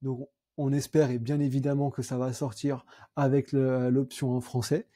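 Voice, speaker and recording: A young man demoing software in a screen-recorded tutorial, chatty and thinking aloud with fillers and self-corrections. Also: mid-range voice, level tone, moderate pace, dry recording, studio quality. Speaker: CRM consultant demoing software.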